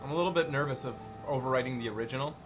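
A man's voice: mid-range voice, rapid-fire. A young man hosting a casual video game session and commenting as he plays. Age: young adult. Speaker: host playing a video game. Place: indoor studio set, seated on a couch. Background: video game music.

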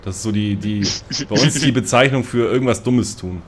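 This gamer's voice is lowish and brisk, with slight background noise behind it. Chatting casually with his group on a multiplayer voice chat, he rambles through a story that pokes fun at himself, laughing at his own expense again and again.

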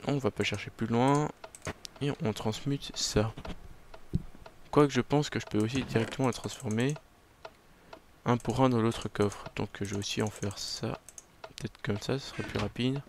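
A man's voice: medium pitch, steady tone, moderate pace, pauses often, a little hiss or hum. Chatty French-speaking gamer man. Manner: chatty, self-mocking, muttering to himself while playing. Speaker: let's play gamer. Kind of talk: casual game commentary.

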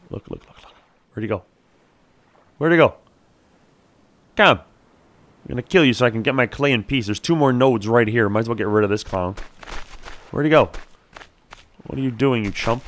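A man's voice: mid-range voice, a little hiss or hum. A man giving casual let's play commentary, chatty and talking to the creatures in the game.

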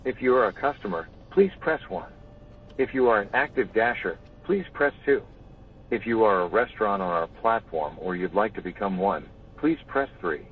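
A man's voice on a recorded phone menu message, reading automated prompts in an even, measured way. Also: on the low side, distant mic, a little hiss or hum. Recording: tinny phone line from a speaker.

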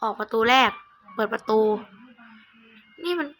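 A woman's voice: measured pace, fairly bright tone, a little hiss or hum. A woman doing casual gameplay commentary, reading game text aloud and reacting in a blunt, mocking, foul-mouthed way. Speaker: gamer playing through a horror game.

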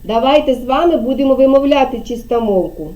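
High, mellow-voiced preschool teacher. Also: female voice, muffled recording. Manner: slow, patient, drawn-out words for children. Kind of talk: teaching young children. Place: kindergarten classroom.

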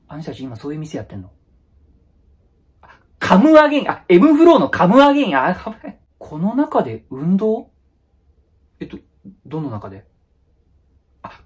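Husky-voiced man, very animated pitch, quick rough casual comebacks for a comic skit. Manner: quick blunt retorts, rough casual speech. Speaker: comedy YouTuber. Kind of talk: comedic solo skit.

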